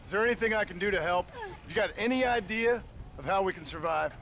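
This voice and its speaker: An actor playing a weary, laconic gunslinger in a video game, speaking in a dry Western drawl. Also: male voice, high voice, quick pace, a bit bright, a little hiss or hum, low-quality recording. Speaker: wandering gunslinger. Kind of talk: video game cutscene acting.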